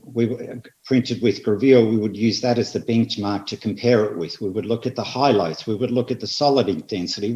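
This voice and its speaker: Australian man giving a measured seminar talk. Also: mid-range voice, darkish tone. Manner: measured, with emphatic repeated phrases. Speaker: industry presenter. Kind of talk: seminar presentation. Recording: roomy, slightly dull audio.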